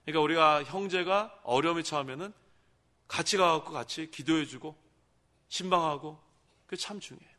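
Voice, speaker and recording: Bright-voiced male pastor preaching. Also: on the high side, a little fast. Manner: conversational preaching, asking the congregation questions and answering them. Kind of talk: sermon. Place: church sanctuary.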